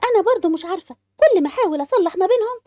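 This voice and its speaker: A woman with an Egyptian accent voicing a chatty, fretful teenage girl in an animated home-made family drama. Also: very high voice, very fast, dry recording, clean studio sound. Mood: worried. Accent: Egyptian Arabic. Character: young girl, chatty and fretful teen niece.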